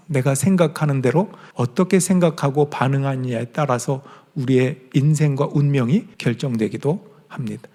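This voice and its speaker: A man's voice: a little high, darkish tone. A middle-aged man from Chungcheong, South Korea, preaching a sermon as pastor in an earnest, conversational way, putting direct questions to his congregation. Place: large church sanctuary. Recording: reverberant church hall.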